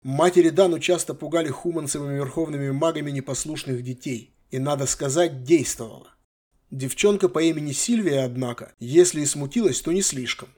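A man reading a fantasy novel aloud in a measured, expressive way. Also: fairly high pitch. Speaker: audiobook narrator. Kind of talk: scripted fantasy narration.

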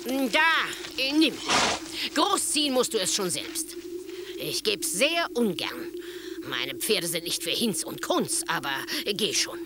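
A woman's voice: mid-range voice, big pitch swings, takes it slowly. A woman playing a formidable old witch in a fairy-tale radio play, brusque and grudging with theatrical threats. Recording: clearly noisy ambience behind the voice.

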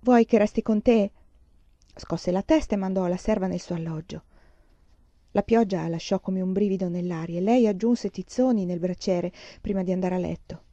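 A woman reading a novel aloud in an expressive, measured audiobook narration. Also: lowish voice, no echo. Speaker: reader. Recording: dull, lo-fi recording.

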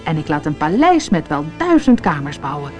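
A woman voicing a boastful, greedy poor man, excited and grandiose. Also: deep voice, moderate pace, faint music behind.

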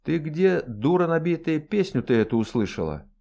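A gruff, domineering young noblewoman, as a man reading a story puts her on, barking orders and scolding her maid. The voice is loud and lively, coarse and commanding. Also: mid-range voice, normal speed, close to an everyday voice.

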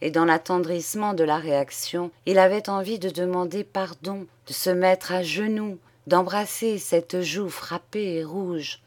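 Brief: woman reading a classic story, unhurried and deliberate. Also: lowish voice, a little mellow. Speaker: audiobook reader. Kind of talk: literary narration.

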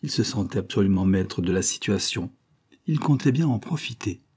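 Low, husky man narrating an old novel. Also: lively intonation, moderate pace, warm tone. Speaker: audiobook reader. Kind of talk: scripted narration of a serial novel.

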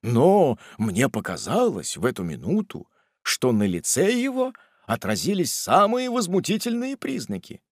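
A man voicing a flustered genteel old gentleman. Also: on the high side, unhurried, no echo, studio quality, heavily acted. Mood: puzzled. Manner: excitable, flustered, polite exclamations. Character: cheerful, fussy elderly English gentleman.

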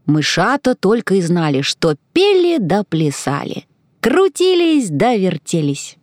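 A woman narrating a children's fairy tale with expressive storytelling. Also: mid-range voice, a little slow, no room sound, clean studio sound.

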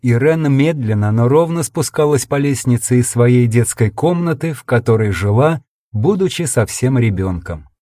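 A man's voice: medium pitch, animated, moderate pace, mellow, no room sound, clean studio sound. A man reading a first-person sci-fi audiobook in an intense, dramatic storytelling manner. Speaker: audiobook narrator.

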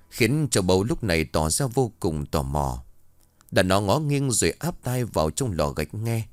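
A man narrating a ghost story dramatically, slowing for suspense. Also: on the low side, dry recording.

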